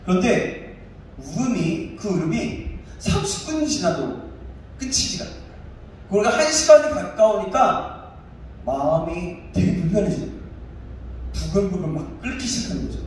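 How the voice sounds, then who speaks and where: A male pastor in his thirties preaching a sermon and telling a personal story with animated delivery. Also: sits high, moderate pace, long pauses. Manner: animated storytelling, acts out his own shouting. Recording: echoey room, distant mic, faint noise.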